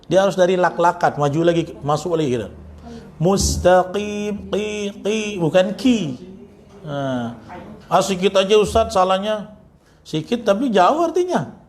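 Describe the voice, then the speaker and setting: A man's voice: sits high, animated, normal speed. A man teaching Quran recitation, chanting verses and then correcting pronunciation with teasing remarks.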